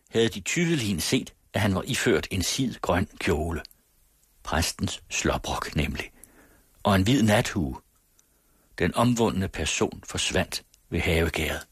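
A man reading a classic story aloud in a measured, solemn, old-fashioned literary manner. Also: lowish voice, slightly rough, no echo, clean studio sound. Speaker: audiobook reader. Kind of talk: scripted narration of a classic story.

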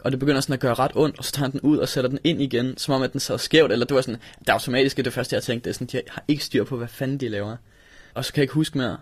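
A young man from Denmark telling a personal story, halting, with many restarts and fillers. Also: medium pitch, dry recording. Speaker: interviewee telling his story. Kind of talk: personal recollection.

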